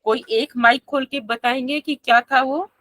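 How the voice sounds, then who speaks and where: Woman yoga teacher, online class lecture, chants verses slowly, bright voice. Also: high voice, fairly even intonation, dry recording. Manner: explains step by step, asks students questions.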